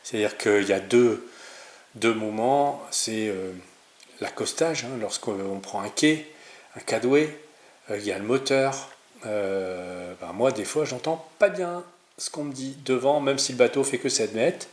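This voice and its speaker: Speaking at a measured pace in a medium-pitched voice, a man hosts a casual DIY how-to, hesitating and often fixing what he just said as he improvises. Clicks, clear background noise, and a roomy echo mark the recording.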